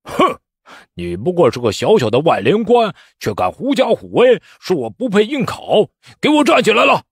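A man doing a big, arrogant young nobleman in a storytelling performance, with a haughty, cold sneer and quick flares of temper. His lively pitch rises sharply as the anger builds. The voice is a little husky. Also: no room sound, studio quality.

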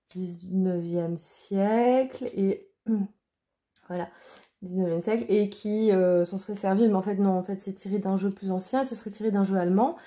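A woman's voice: mid-range voice, dark tone. A woman chatting casually as she shows card decks, with many fillers and restarts. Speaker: card reader and deck reviewer. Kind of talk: casual chat.

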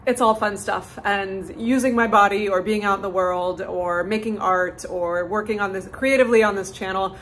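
A woman talks casually to camera in a lifestyle vlog, upbeat and chatty and dropping "like" here and there. Her voice sits in an ordinary middle pitch. A faint hum of outdoor ambience lies under her talk. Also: fairly even intonation, normal speed, hardly any pauses, fairly bright tone, low-quality recording. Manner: chatty, upbeat, frequent "like" fillers. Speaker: lifestyle vlogger. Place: home kitchen and outdoor porch.

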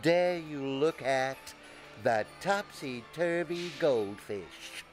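A man's voice: on the high side, lively intonation, extremely slow, faint music behind, pitched above the performer's own voice. A man playing a seedy, scheming freak show barker in a radio comedy sketch, all theatrical patter. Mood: grandiose. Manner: theatrical showman patter, slipping into petulant bickering.

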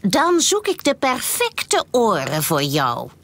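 A woman's voice: a little high, huge pitch swings, takes it slowly, a bit bright, voice pushed up, exaggerated voice. Woman playing a sly sneering fox. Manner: sneering, commanding. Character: sly scheming male fox, sneering and bossy.

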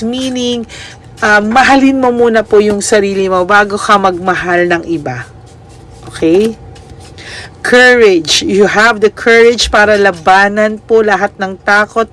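A woman giving a tarot reading, gentle and reassuring, mixing Tagalog and English and checking in with "no?". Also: mid-range voice, a little hiss or hum. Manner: gentle, reassuring, ends phrases with "no?"; mixes Tagalog and English, polite "po". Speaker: tarot reader.

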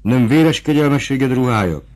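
A man reading an audiobook, voicing a kind, caring innkeeper's wife in a raised, gentle voice. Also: mid-range voice, lively intonation, pitched above the performer's own voice, natural voice. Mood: worried. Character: kind, warm-hearted innkeeper's wife, adult woman.

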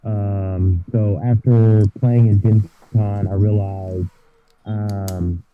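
A man guest in a casual podcast chat, heard through muffled, degraded remote call audio, speaking hesitantly and filling pauses as he thinks aloud. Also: fairly low pitch, steady tone, dry recording.

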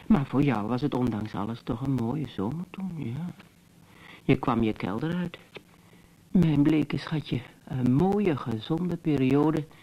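An actor playing a bitter, teasing brother who muses to his sister in a slow, mocking monologue, in old radio drama style. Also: medium pitch, darkish tone, low-quality recording. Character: wry, bitter adult brother, teasing yet tender. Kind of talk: 1970s Dutch radio drama acting.

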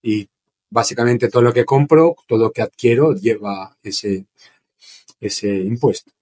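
A man's voice: mid-range voice, unhurried, a little mellow, husky. A man teaching Spanish phrases in an online lesson, explaining with restarts and checking in with "¿sí?". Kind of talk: informal online language lesson. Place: home, streaming test with screen sharing. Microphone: computer mic on a streaming platform.

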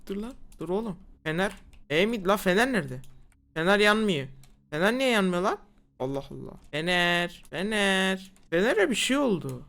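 A woman giving jumpy, excitable let's play commentary on a horror game, full of slangy exclamations. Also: fairly low pitch. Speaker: gamer.

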